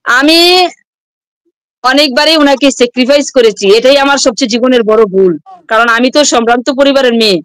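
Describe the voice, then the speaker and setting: Woman teacher, high voice, dry close sound, talks in urgent loops. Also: a little fast, a bit bright, clear, resonant tone, dry recording, rough recording. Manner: rambling, urgent, repeats herself. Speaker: schoolteacher, interview guest. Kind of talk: emotional first-person testimony.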